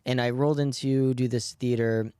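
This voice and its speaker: A man, a stand-up comedian co-hosting a podcast, chatting casually and telling animated stories with frequent laughs. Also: mid-range voice, normal speed, clean tone, no echo, studio quality. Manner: animated storytelling, laughs often. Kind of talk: casual chat.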